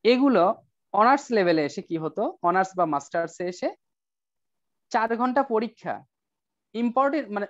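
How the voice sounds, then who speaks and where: A male English teacher giving an online class lecture, coaxing students with rhetorical questions and slowing down to spell out example sentences. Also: high voice, animated, no echo. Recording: dull lo-fi online class audio.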